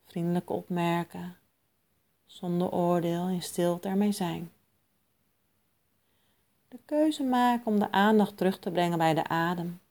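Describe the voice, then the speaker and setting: A woman leads a guided meditation in a soft, soothing voice, pitched a little low. She speaks very slowly and calmly, leaving long, still pauses between short phrases.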